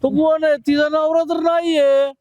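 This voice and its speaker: A man's voice: extremely high pitch, flat delivery, a little slow, darkish tone, dry recording. A performer playing a drunk old village father-in-law who scolds and questions suspiciously in a comedy sketch.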